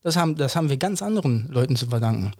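A man's voice: medium pitch, lively intonation, very fast, dark tone, no echo, clean studio sound. A man in his thirties co-hosting a podcast, talking bluntly and emphatically in casual chat, firing off rhetorical questions and tagging his points with "ne?". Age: 30s. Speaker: podcast co-host.

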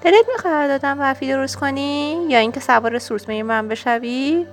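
A woman's voice: high voice, faint music behind, pitched above the performer's own voice. A woman reading a storybook, voicing a friendly, eager male bear who coaxes his friend to play.

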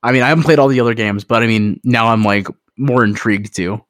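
A man co-hosting a gaming podcast, talking in a laid-back, relaxed way and thanking listeners. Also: medium pitch, fast, no echo, clean studio sound. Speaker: podcast co-host. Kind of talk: casual chat.

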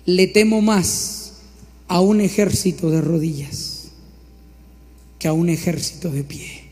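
A male pastor preaching in a high, ringing voice. He builds his points through repeated phrases and slips into mocking mimicry of others. His voice carries a long reverb from a large hall. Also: mellow. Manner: emphatic preaching with rising repetitions. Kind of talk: sermon.

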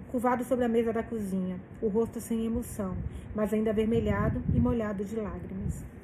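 A woman's voice: a little high, background noise. A woman reading a novel aloud, reacting emotionally and swearing between passages. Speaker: book reader.

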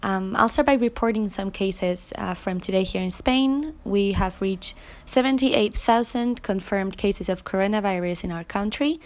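A woman's voice: medium pitch, moderate pace. A young adult woman hosting a podcast, introducing her guest in a friendly way with frequent ums. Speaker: podcast host.

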